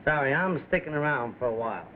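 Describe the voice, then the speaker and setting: An actor playing a brash, wisecracking newspaper reporter, slangy and cocky, in 1930s film style. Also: male voice, medium pitch, lively intonation, fast, close to an everyday voice. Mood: pushy, wisecracking. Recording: tinny, noisy old film soundtrack.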